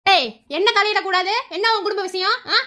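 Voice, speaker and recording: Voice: extremely high pitch, fairly even intonation, brisk, bright, forceful tone. A performer voicing a fierce older grandmother in a cartoon, with a Madurai Tamil accent, scolding and threatening in a mocking way. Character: old mother-in-law, fierce grandmother of the house. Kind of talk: cartoon voice acting.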